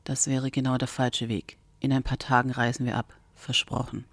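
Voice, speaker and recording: A woman voicing a smug, teasing young royal man in an audiobook, lowering her voice for him. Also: little pitch movement, normal speed, no room sound. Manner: teasing, know-it-all. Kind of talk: audiobook character voice.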